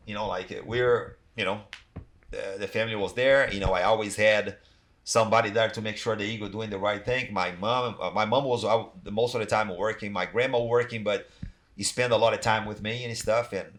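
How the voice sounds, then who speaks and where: A man from Brazil with a Brazilian accent chats loosely as a podcast guest. His voice sits low, and he wanders through his points with constant "you know" and "like". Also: brisk, fairly bright tone. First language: Portuguese. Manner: rambling, many "you know, like" fillers. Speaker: guest, athletic trainer. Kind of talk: casual podcast interview.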